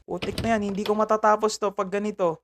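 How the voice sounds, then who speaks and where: A man's voice: sits high, flat delivery, fast talker, background noise. A man from the Philippines live-streaming a horror game, chatting casually with viewers, laughing a lot and yelping when startled.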